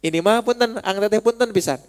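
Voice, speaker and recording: A man's voice: high-pitched, quick pace, smooth. Chatty Sundanese man preaching. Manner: chatty, teasing, addresses listeners directly. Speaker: religious speaker. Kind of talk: casual religious study talk. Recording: long hall reverb.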